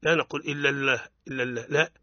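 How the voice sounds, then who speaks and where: Tunisian man teaching Quran recitation, bright voice. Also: medium pitch, steady tone, dry recording, highs cut off. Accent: Tunisian Arabic. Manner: explains rules, quizzes the student, models slow chanted recitation. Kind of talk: radio lesson on Quran recitation rules.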